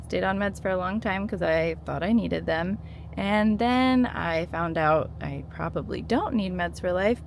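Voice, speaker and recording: With a fairly low, gravelly voice over a slight hiss or hum, a thirty-something woman vlogs about her withdrawal. She speaks to camera in a casual, sincere, supportive way, often using fillers and starting sentences over.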